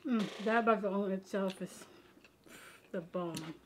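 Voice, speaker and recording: A woman, talking while chewing and making short, relaxed remarks about the food in a casual chat. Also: medium pitch, slow pace, a little hiss or hum. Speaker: mukbang co-host.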